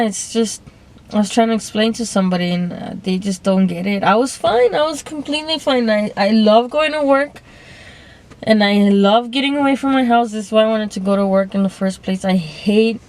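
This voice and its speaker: A woman's voice: mid-range voice, moderate pace, darkish tone. A young woman talking to her phone camera in a casual, confessional monologue, hesitant and rambling, often restarting and trailing off. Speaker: vlogger.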